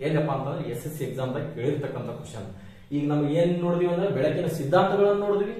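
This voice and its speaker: A man's voice: high voice, mellow. A man teaching an exam-coaching lecture, stressing and repeating key terms and asking rhetorical questions. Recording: very echoey room, mic at a distance.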